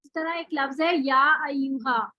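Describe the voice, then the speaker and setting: A woman's voice: sits high, a little slow, dry recording, highs cut off. A woman teaching Quran recitation in an online class, explaining rules step by step with rhetorical questions and spoken examples.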